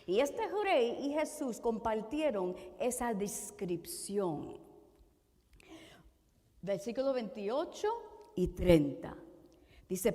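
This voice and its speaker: Slow, high-voiced woman preaching in a hall. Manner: slow rhetorical questions, rising to shouts. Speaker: minister. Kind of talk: sermon. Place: church. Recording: long reverb of a hall.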